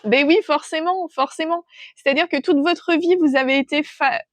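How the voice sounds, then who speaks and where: A woman with a fairly high voice reads tarot cards for her listeners, feeling her way through the message in a gentle, hesitant manner. She thinks aloud and pauses often as she senses the cards. Her voice is close and dry, with no room sound. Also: fairly even intonation, no echo. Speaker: tarot reader.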